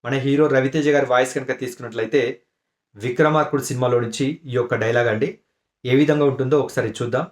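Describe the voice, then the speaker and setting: A man hosting his own mimicry vlog, introducing clips in a polite, relaxed way with hesitation fillers. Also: medium pitch, fast. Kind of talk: casual channel intro.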